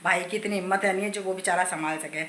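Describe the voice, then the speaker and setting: Unwell middle-aged woman, flat chatty vlog. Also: fairly low pitch, quick pace, slight background noise. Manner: chatty, rambling, retells conversations. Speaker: vlogger. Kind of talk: casual home vlog. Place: home kitchen.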